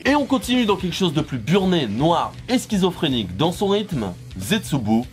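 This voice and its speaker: A man's voice: sits high, big pitch swings, normal speed. A young man giving scripted, enthusiastic commentary on music, with a self-mocking humor. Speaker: music reviewer.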